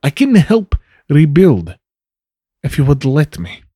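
A man's voice: fairly high pitch, huge pitch swings, slow, warm tone, husky, dry recording, clean studio sound, heavily acted. A man voicing an earnest young heroine. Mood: pleading. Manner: pleading, formal speech. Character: earnest, defiant young woman on a quest.

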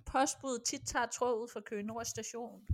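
A woman's voice: on the high side, fairly even intonation. A young woman co-hosting a podcast, chatting in an informal, giggly way. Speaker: podcast co-host. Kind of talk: casual chat.

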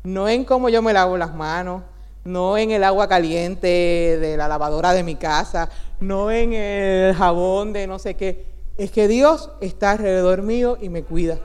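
A woman preaching a sermon, fervent in prayer and lively when telling stories. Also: mid-range voice, clear, resonant tone. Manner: fervent, rising into prayer, then humorous storytelling. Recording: long hall reverb.

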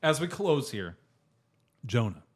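A man's voice: medium pitch, big pitch swings, takes it slowly, slightly rough. Young guy chatting on a podcast, rambly, um and like everywhere, laughs a lot. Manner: rambling, laughs often, many fillers. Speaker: podcast host. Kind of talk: casual podcast chat.

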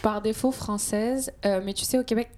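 A French woman whose accent has a light Quebec touch, co-hosting a casual panel chat and telling animated stories at a quick clip. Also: on the high side. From France.

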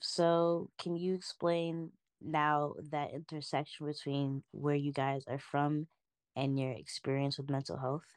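A young woman hosts a casual podcast chat in a low, steady voice. She sounds relaxed and encouraging as she guides her guests along. The sound is close and dry. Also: unhurried, no echo. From United States. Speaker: podcast host.

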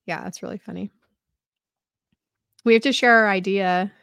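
A woman co-hosting a casual podcast, talking in a relaxed way that is full of hesitations and fillers. Her voice sounds dry and close, with no room echo. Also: mid-range voice, normal speed, gravelly, smooth. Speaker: podcast co-host. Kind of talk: casual chat.

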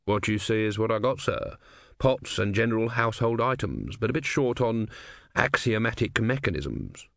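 Man voicing a humoring shopkeeper, patient and lively, dry sound. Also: on the low side, moderate pace, gravelly, no room sound. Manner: patient, indulgent. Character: patient, humoring middle-aged male potter.

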